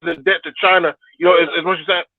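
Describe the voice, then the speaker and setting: A man speaking in casual chat over a clipped phone line that keeps breaking up. He talks emphatically and is quick to scoff. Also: on the high side, level tone, creaky, no room sound. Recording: dry, dull lo-fi call line.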